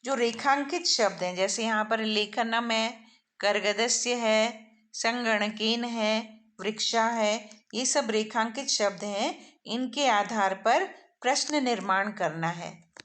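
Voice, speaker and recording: A woman's voice: on the high side, slow, a bit bright. A woman teacher, explaining a school worksheet to children and stretching out each word as she spells it.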